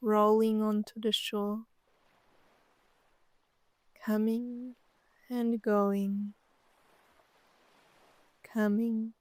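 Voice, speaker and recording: In a gently soothing voice, a woman narrates a scripted guided meditation, speaking in short phrases separated by long pauses. Her pitch is medium, and the recording has no room sound.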